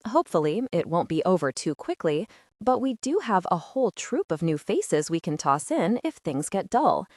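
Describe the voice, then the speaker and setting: Woman reading as a male vampire king, cruel, sneering, falsely cheerful, animated pitch. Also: normal speed, no room sound, studio quality. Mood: taunting. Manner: gleeful, taunting, falsely friendly.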